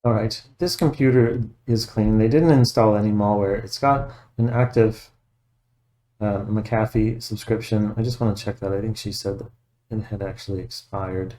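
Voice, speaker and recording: A man's voice: fairly low pitch, fairly even intonation, moderate pace, mellow, rough recording. A man working as a computer repair technician talks through a casual tech walkthrough, methodical and matter-of-fact, thinking aloud as he goes.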